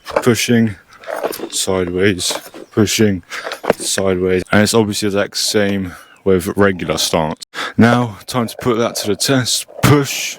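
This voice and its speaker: A man giving a casual, informal step-by-step beginner tutorial as host, recorded on a cheap, low-quality microphone. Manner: informal, mildly sweary. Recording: cheap low-quality mic, noisy, clicks.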